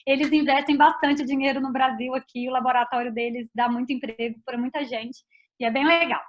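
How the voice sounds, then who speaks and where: A woman's voice: sits high, steady tone, fairly quick. A Brazilian woman scientist giving a casual online talk, chatty, tagging her sentences with little questions. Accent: Brazilian Portuguese. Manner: chatty, frequent "tá?" and "né?" tags. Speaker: invited scientist speaker. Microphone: video call. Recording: dull lo-fi video call audio.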